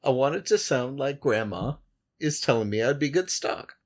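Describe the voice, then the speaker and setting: A man's voice: medium pitch, animated, normal speed. A man playing a tabletop game, joking and bantering casually. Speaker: player.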